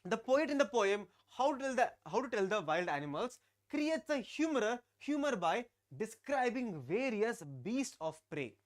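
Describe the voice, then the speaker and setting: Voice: medium pitch, big pitch swings, normal speed, hardly any pauses. A teacher, giving a live online class and often repeating phrases while talking to students in the chat. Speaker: English teacher.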